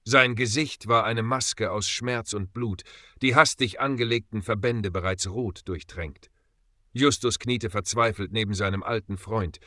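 Low-voiced man narrating an audiobook gravely. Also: a little slow, sharp tone, dry recording, clean studio sound. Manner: grave, dramatic storytelling.

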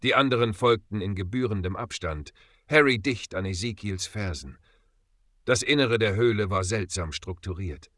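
Bright, low-voiced male story narrator. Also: normal speed, no echo. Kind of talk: scripted audiobook narration.

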